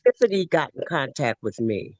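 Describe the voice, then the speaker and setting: On a video call, a woman from Ohio who is a webinar participant talks at length, telling loose stories packed with fillers. Her low voice has a sing-song lilt, a moderate pace, and a darkish tone. The recording has no echo, and the highs are cut off.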